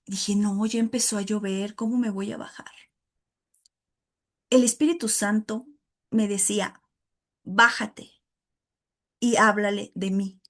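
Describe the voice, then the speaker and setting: A woman leads an informal women's Bible study. She preaches earnestly and with feeling, warmly calling her listeners "hermano" between her points. Her voice sits somewhat high for a woman. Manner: addresses listeners as "hermano" often, emotional and earnest. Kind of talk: informal sermon with personal testimony.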